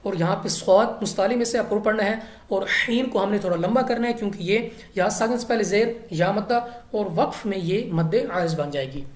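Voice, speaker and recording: A woman's voice: mid-range voice, normal speed. Patient woman teaching recitation, echoey room. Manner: patient, step-by-step explaining of pronunciation rules. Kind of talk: recitation lesson.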